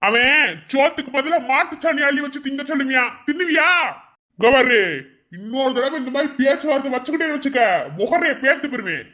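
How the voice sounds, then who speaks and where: Voice actor doing a hot-tempered village woman from a cartoon, who spits out threats and insults in a thick Madurai accent. Her voice sits fairly high and cuts through sharply. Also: a little fast. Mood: furious. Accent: Madurai Tamil. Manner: harsh, threatening, shouting insults. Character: fierce village woman scolding a man. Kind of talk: cartoon voice acting.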